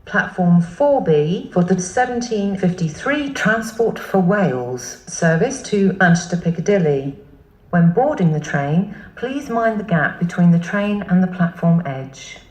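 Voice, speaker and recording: An automated station announcement in a woman's voice, spliced together from prerecorded words and played over a platform loudspeaker, listing stops in a measured, even way. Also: fairly low pitch. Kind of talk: automated public address announcement. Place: railway station platform, outdoors. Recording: echoey station loudspeaker from a distance.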